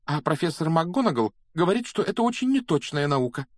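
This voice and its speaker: Storybook schoolgirl, high and earnest, anxious but reassuring, voiced by a male reader. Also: sing-song, quick pace, no echo, studio quality.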